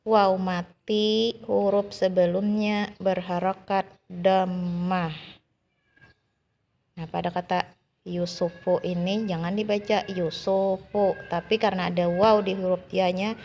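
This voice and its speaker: A woman's voice: mid-range voice, little pitch movement, takes it slowly, a little mellow, dull audio. An Indonesian woman teaching a lesson on Quranic long vowels, patiently repeating each example and drawing out the long sounds.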